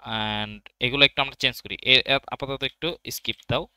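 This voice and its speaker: A man's voice: mid-range voice, steady tone, brisk, pushed and bright, clean tone, no echo. A young man teaching programming in a casual tutorial, thinking aloud as he types and answering his own questions. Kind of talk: casual screen-recorded coding tutorial.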